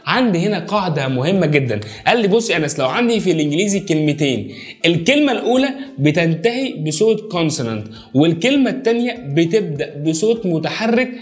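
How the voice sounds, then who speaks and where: A man with an Egyptian Arabic accent giving a whiteboard English lesson, energetically drilling phrases by repeating them slowly. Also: fairly high pitch, big pitch swings. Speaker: English teacher.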